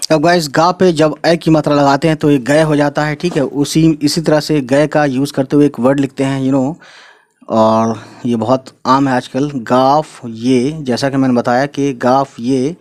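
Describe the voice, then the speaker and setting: A man's voice: mid-range voice, darkish tone, no room sound, clean studio sound. A man patiently teaching Urdu letters step by step in an explanatory lesson, often checking in with the listener.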